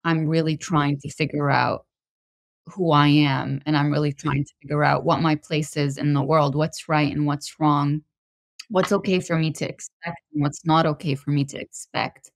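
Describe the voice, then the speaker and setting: A woman in her thirties from Lebanon, a podcast guest telling her personal story in a measured, introspective way. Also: sits low, fairly even intonation, vocal fry, no room sound, studio quality. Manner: measured and introspective, pausing to find words.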